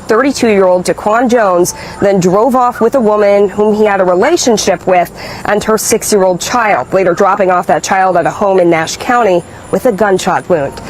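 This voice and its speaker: A woman TV news reporter speaking directly to viewers in a brisk live report outdoors. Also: medium pitch, slight background noise, low-quality recording.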